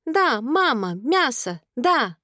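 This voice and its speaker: A woman's voice: slow pace, no echo, clean studio sound, heavily acted. A yapping little boy pretending to be a dog, as a woman reader puts him on. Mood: excited. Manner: high, excited, yapping. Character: small boy playing at being a dog.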